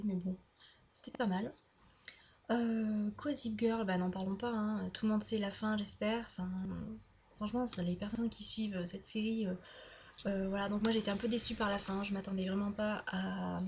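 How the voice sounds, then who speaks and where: A young woman talks casually to camera, wandering from point to point with lots of fillers and restarts. Her voice stays flat and level, at a middle pitch. The sound is dull and lo-fi, with a faint hiss underneath. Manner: rambling, full of fillers and restarts. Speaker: YouTuber. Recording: dull lo-fi home video sound.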